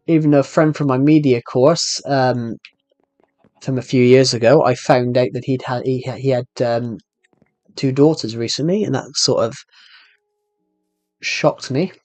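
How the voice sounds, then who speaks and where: A thickly accented British streamer in his twenties answers viewers in casual live chat, rambling and restarting sentences. He has a darkish mid-range voice with fairly even intonation, a measured pace and long pauses. Faint music sits behind him, with no room sound.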